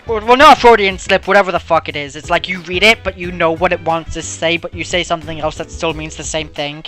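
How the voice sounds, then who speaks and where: A man's voice: a little high, fast talker, pushed and bright, faint music behind. A man hosting a let's play from his bedroom, chatting casually and rambling with frequent swearing. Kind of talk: casual gameplay chat. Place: own bedroom.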